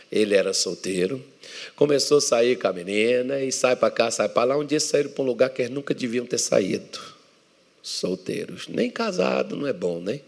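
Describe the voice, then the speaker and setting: A Brazilian male pastor preaches with a gravelly, textured voice in a church hall. He swings from loud emphatic declarations to hushed, close storytelling. A long reverb trails behind his words. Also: medium pitch. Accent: Brazilian Portuguese. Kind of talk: sermon.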